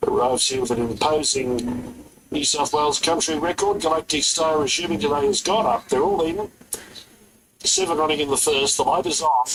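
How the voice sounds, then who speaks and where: A man's voice: a little high, noisy background. A man working as a race caller, giving live horse racing commentary.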